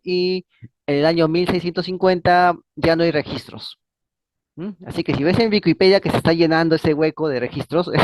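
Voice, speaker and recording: A man's voice: fairly high pitch, dry recording. A man hosting his own channel, giving a casual history lecture. He rambles, repeats words, and keeps adding a questioning "no?" at the end of his phrases. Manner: frequent fillers and restarts. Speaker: channel host.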